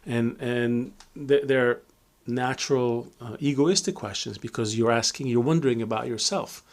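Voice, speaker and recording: Middle-aged man from Israel, reflective teacher in a live Q&A, halting and full of restarts, mid-pitched voice. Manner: reflective, many fillers and restarts. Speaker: Kabbalah teacher. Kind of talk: live Q&A talk.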